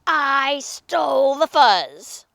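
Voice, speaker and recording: A woman's voice: high voice, expressive, very slow, creaky, a bit bright, no echo, clean studio sound, full character voice. A woman voicing a boastful, bossy storybook prairie dog who barks and snarls his words. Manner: barking, snarling, emphatic. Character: boastful bossy prairie dog bully, self-crowned king.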